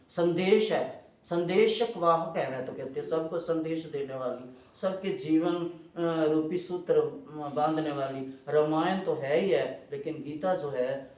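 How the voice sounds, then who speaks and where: A man giving an animated devotional talk, telling stories full of quoted voices. His voice sits a little high and is heard from a distant mic in a roomy hall. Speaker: devotional speaker. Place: hall at a festival gathering.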